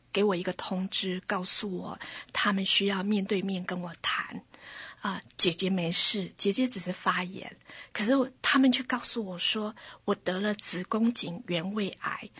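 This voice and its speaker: A middle-aged woman, telling her personal faith testimony in an interview. She speaks earnestly, dropping into hushed whispers and rising into emotional bursts. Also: medium pitch, breathy edge, no room sound.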